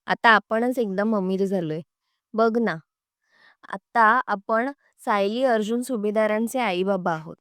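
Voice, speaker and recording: A woman's voice: mid-range voice, unhurried, a bit bright, smooth, no echo, studio quality, close to an everyday voice. A woman reading the lines of a boastful older father who has just come into wealth.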